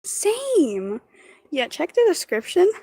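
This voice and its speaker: Giggly high-voiced woman reading on stream. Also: measured pace, a bit bright. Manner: giggly, stumbles over words and chats with viewers between lines. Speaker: streamer reading fan fiction aloud. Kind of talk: casual livestream read-aloud.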